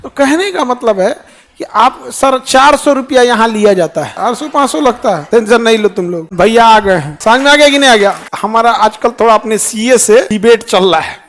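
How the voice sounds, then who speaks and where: A middle-aged man speaks in Hindi with a strong Bihari accent, his voice sitting very high for a man. He addresses an audience informally, joking and throwing rhetorical questions at them. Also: expressive, normal speed, a bit bright. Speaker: teacher and public speaker.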